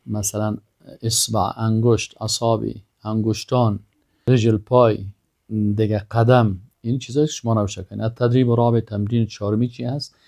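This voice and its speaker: A man teaching Arabic vocabulary, saying each word slowly and then giving its meaning. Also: on the low side, little pitch movement, creaky, a little mellow. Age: older.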